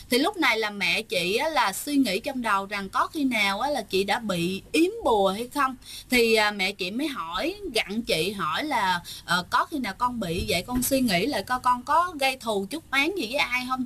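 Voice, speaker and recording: Woman narrator, chatty ghost-story telling, bright and somewhat high. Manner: chatty, addresses listeners often, many fillers. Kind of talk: casual spoken storytelling.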